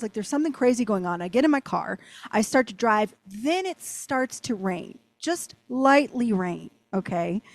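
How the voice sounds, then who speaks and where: A woman with a somewhat high voice tells a long personal story as a guest, rambling and animated and leaning on "like" again and again. The sound is close and dry. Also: no echo. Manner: animated, rambling, heavy use of "like". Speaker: interview guest. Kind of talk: casual storytelling.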